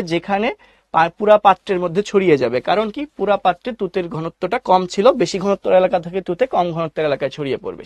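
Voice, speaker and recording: Young guy teaching an online class, bangladeshi bengali accent, pretty high voice, dry close sound, asks and answers his own questions. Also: dry recording. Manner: mixes English words into his speech; reads out student comments and replies.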